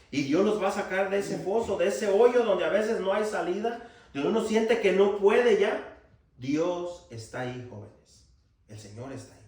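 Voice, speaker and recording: Pastor, slightly high voice, emphatic sermon with rhetorical questions, heard from far off in a very echoey hall. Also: male voice, a little mellow. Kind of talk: sermon to young people. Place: church hall.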